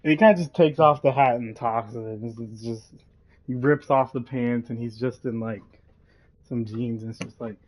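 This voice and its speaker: A man's voice: mid-range voice, normal speed, darkish tone. A man narrating a casual role-play story, rambling with many fillers, on a dull lo-fi recording. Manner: rambling, full of fillers like "like" and "you know".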